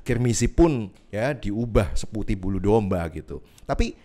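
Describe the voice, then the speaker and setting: A man's voice: lowish voice, moderate pace. A man hosting a podcast in casual chat, talking expressively with his guest. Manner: expressive, mimics other voices. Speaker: podcast host.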